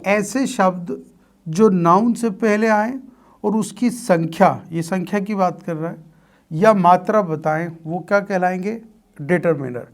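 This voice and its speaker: In a grammar lesson for exam students, a high-voiced man speaks deliberately. He quizzes his listeners by repeating key terms back as questions.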